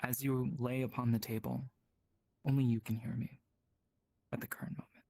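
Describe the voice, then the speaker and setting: A woman game master narrating a role-play scene in a drawn-out, suspenseful way, often dropping toward a whisper. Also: extremely low pitch, level tone, dark tone, no room sound.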